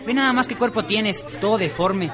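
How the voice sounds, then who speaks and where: A man's voice: sits high, normal speed, crowd noise, close to an everyday voice. A man playing a curt, defiant new schoolboy in an educational radio drama.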